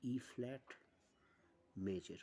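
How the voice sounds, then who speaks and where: A man teaching an online music lesson, explaining step by step with pauses. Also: mid-range voice, mellow, a little hiss or hum.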